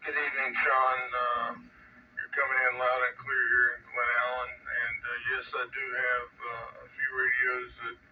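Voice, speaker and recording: A man gives his check-in over amateur radio in a flat, even tone. The signal is dull, with faint static behind him. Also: mid-range voice, normal speed, far from the mic. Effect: two-way radio transmission with static. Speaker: amateur radio net participant.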